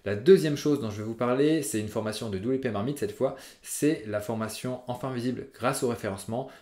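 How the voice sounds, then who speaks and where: A man's voice: medium pitch, brisk, warm tone. Chatty French-speaking man in a roomy echo. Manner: chatty, upbeat, many "euh" fillers. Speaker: WordPress tutorial host. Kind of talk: casual screen-recorded tutorial.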